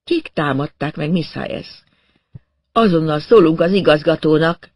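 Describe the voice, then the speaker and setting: A man voicing an alarmed man with a goatee who asks urgent, anxious questions. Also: a little high.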